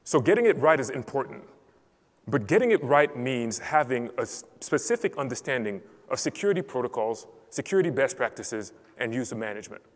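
A man from Cameroon presents a technical session on a large conference stage, speaking in a clear, orderly way through a headset mic. His medium-pitched voice carries a long reverb from the hall around him. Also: big pitch swings, fairly quick.

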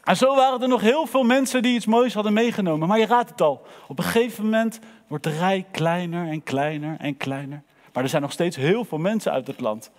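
A man's voice: sits high, a little fast, big-room sound. A man presenting in a children's church, telling a story and talking directly to the kids. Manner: lively, addresses the children directly.

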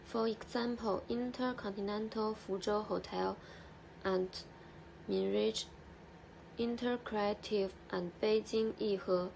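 A young woman presents for a class over a webcam, reading her notes slowly and with care. Her voice is heavily gravelly with deep vocal fry. A faint hum sits behind her. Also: steady tone, darkish tone, low-quality recording. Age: young adult. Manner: slow, careful reading with restarts. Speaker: student presenter.

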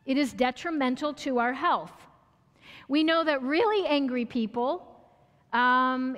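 High-voiced woman preaching in a reverberant church. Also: a bit bright. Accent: American. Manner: conversational, asks the audience questions, restarts and stumbles. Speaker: pastor. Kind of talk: sermon. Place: church sanctuary.

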